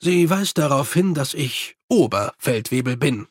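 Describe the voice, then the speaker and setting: A man voicing a gruff middle-aged watch sergeant who speaks in a dry, clipped, ironic way in an audiobook. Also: medium pitch, lively intonation, unhurried, dry recording. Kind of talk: audiobook character voice.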